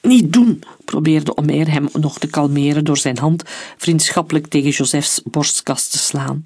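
A man's voice: level tone, moderate pace, breathy edge. A man reading an audiobook story, shifting his voice for the dialogue. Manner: reads dialogue with shifts in pitch and loudness. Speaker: narrator. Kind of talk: audiobook narration with character voices.

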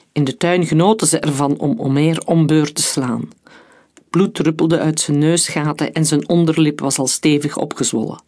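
A narrator reading a dramatic story aloud in a steady voice. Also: mid-range voice, no echo, studio quality. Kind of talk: scripted narration.

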